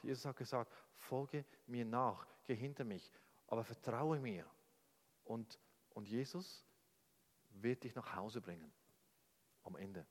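A man giving a sermon, retelling a story in a soft storytelling manner and often repeating words. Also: mid-range voice. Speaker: preacher. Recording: long hall reverb.

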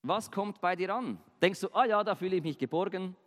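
A man's voice: sits high, a little fast, long reverb tail. A man explaining language and communication in a conversational way, talking straight to the viewer and asking questions. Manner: conversational, addresses viewer directly, asks questions. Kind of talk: explanatory video talk addressing the viewer.

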